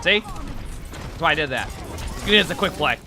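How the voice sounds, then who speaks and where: A man's voice: fairly high pitch, huge pitch swings, moderate pace, over music. A man streaming a game, chatting casually to his viewers through a livestream headset mic. He rambles, using lots of fillers and restarts. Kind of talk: casual chat to stream viewers while gaming.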